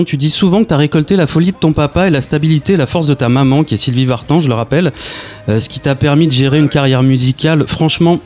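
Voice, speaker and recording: A man hosts an interview, talking quickly and heaping praise on his guest. His voice sits a little high. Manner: effusive, flattering. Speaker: interview host. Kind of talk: interview questions.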